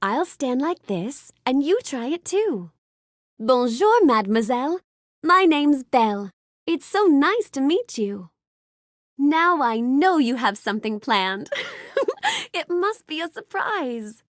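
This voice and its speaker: A video game voice actress performs a sweet, polite, bookish young fairy-tale heroine, curious and dreamy, speaking animated lines to the player. Her full character voice is high, swooping, and sing-song at a slow pace, gracious, earnest, wonder-filled, and precisely polite, sounding excited and delighted. The studio recording is dry.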